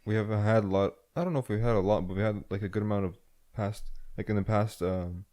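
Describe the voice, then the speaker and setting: Male podcast host, lowish voice, talks fast, loose and rambling. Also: fairly even intonation, mellow. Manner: rambling, keeps saying "anyways". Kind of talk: casual chat.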